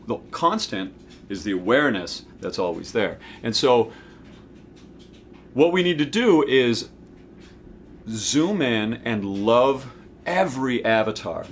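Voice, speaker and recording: Speaking at a medium pitch over a little hiss or hum, the host of a spiritual self-help video series, a man in his forties, gives a casual teaching talk to camera. His tone is conversational and emphatic, and he checks in with the listener along the way.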